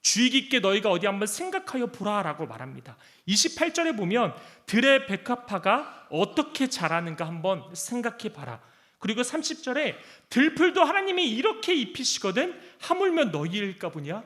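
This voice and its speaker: Animated high-voiced male preacher. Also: normal speed. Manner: impassioned preaching, acting out pleas and God's replies. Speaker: pastor. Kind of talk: sermon.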